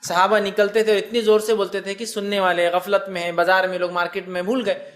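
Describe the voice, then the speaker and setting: Male preacher, fairly high voice, explaining step by step, reciting Arabic phrases, rhetorical questions. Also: flat delivery, fairly bright tone. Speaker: Islamic preacher. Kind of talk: religious lecture.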